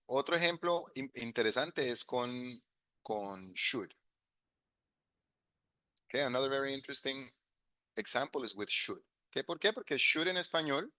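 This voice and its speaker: A man teaches a live online English class, working through grammar step by step and moving back and forth between Spanish and English examples. His voice is bright and forward, and it sounds dry and close, with no room around it. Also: medium pitch, no echo.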